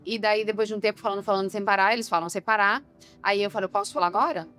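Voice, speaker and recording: A woman's voice: medium pitch, level tone, very fast, fairly bright tone, faint music behind. Woman, communication coach, podcast interview, emphatic, rhetorical questions.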